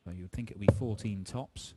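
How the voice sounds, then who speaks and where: A man's voice: lowish voice, moderate pace. A man giving live darts commentary with conversational analysis of the players and the play. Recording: clearly noisy live sports broadcast.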